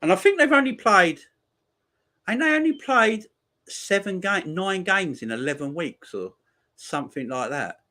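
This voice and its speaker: A forty-year-old man hosting a football watchalong stream, chatting easily with his viewers. His talk is relaxed and slangy, and he laughs often between his lines. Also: high-pitched, moderate pace. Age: 40s. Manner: laid-back banter, laughs often, slangy. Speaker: livestream host. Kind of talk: casual chat reading viewer comments.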